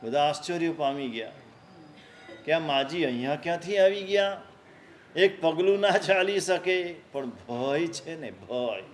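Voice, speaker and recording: A man's voice: sits high, slight background noise. A man, a Jain monk, giving a sermon and acting out a story, voicing the characters' cries with rising emotion.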